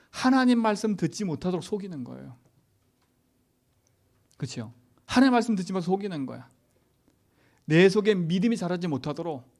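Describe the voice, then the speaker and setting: A middle-aged man preaching from the pulpit, his voice sitting somewhat high for a man. He talks in a lively, conversational way, pushes his points hard and keeps turning to the congregation with rhetorical questions. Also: creaky. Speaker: pastor. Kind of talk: sermon.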